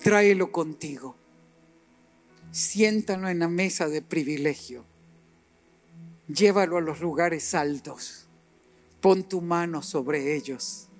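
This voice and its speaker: A middle-aged man preaching a sermon, animated and rising to emphatic peaks as he acts out little scenes. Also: on the high side, slow, pauses often, faint music behind.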